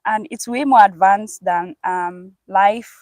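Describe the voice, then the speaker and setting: A woman's voice: medium pitch, takes it slowly, darkish tone, dry recording. Thoughtful young woman from Cameroon. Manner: thoughtful, many ums. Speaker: guest, international student. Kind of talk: casual interview chat. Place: outdoors in a park.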